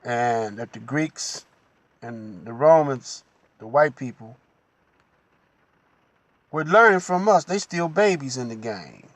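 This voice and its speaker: A man giving a slow, unhurried religious teaching monologue as the host, pausing often and adding "you know.". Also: medium pitch, expressive, a bit bright, no room sound.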